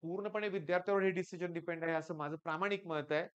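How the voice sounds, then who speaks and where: A man's voice: fairly high pitch, steady tone, fast talker, a bit bright, smooth, highs cut off. A middle-aged man, a coaching class teacher giving students stern, direct advice and firing off rhetorical questions.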